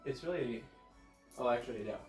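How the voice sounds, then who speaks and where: A man's voice: mid-range voice, fairly quick, over music. A man with a congested, stuffed-up nose from a cold, chatting casually and thinking aloud as he rambles through a vlog. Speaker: vlogger with a YouTube channel. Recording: echoey room.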